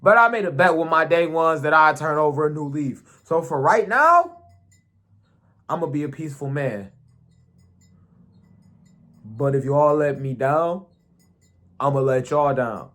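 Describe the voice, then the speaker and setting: Man playing a threatening godlike mutant, grandiose and proud, fairly high voice. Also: expressive, a little slow, long pauses, fairly bright tone. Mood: menacing. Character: menacing godlike older male mutant, proud.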